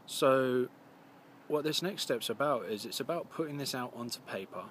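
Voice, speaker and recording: Hosting a recovery video series, a man offers earnest, plain-spoken, encouraging advice to viewers in a casual vlog. His fairly low voice is gruff and scratchy, hoarse from a cold.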